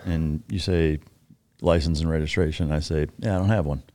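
Deep-voiced blunt, swearing podcast host. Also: male voice, steady tone, normal speed, a little mellow. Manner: blunt, profane, incredulous. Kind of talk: casual podcast interview.

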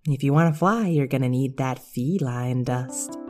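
A woman's voice: a bass voice, moderate pace, music in the background. Woman doing a cheeky girl puppy. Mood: breezy. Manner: teasing, breezy and sure of herself.

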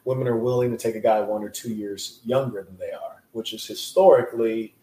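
A man's voice: lowish voice, a little fast, dark tone. A man hosting a casual podcast, talking in slang and joking and laughing as he asks questions. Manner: slangy, jokey, laughs often. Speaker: podcast host. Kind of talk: casual chat. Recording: echoey room.

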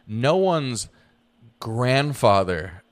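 Young male co-host, mid-pitched, blunt, roasting humor in casual banter. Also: sing-song, very slow. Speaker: podcast co-host. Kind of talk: casual chat.

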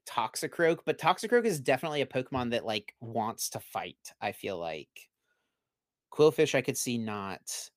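A male podcast co-host with a medium-pitched voice, talking casually and animatedly into a dry close mic. He laughs easily, and his level swings from loud bursts to quiet asides. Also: no echo. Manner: animated, quick to laugh, shifts from loud to low.

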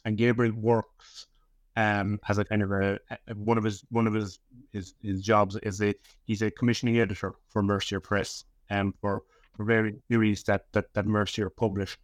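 With a Cork Irish accent from West Cork, Ireland, this historian and guest author in his thirties talks casually in an interview, frequently repeating words and starting over. His lowish voice is flat in delivery at a moderate pace. There's no echo.

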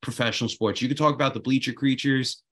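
A man's voice: mid-range voice, steady tone, quick pace, fairly bright tone, slightly rough. A man chatting casually and enthusiastically, often repeating phrases for emphasis. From Queens, New York. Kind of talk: casual chat.

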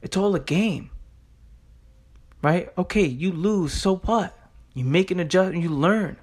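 A high-pitched, slightly mellow young man speaks at a measured pace as a motivational speaker. His informal monologue is blunt and streetwise, emphatic, and peppered with rhetorical questions and casual cursing.

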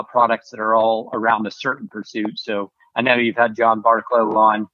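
A man from the American Southeast speaks in a fairly low, easygoing voice, heard through a computer call. The sound is dull and lo-fi, with a dry, close feel and no room around it. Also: no echo. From Southeastern United States. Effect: heard over a computer call. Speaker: podcast guest, gear product manager. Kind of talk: casual interview chat.

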